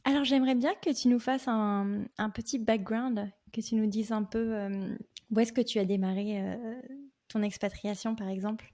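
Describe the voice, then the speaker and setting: A woman's voice: mid-range voice, steady tone, normal speed, warm tone. A woman hosting a podcast, giving a brief scripted intro and then asking a guest questions with some hesitant fillers. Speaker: podcast host. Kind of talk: interviewing a guest.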